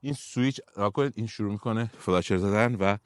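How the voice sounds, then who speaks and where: A man's voice: fairly low pitch, no room sound. A man walking around a car and reviewing it in a casual, opinionated way as he points out details. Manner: chatty, opinionated, pointing things out.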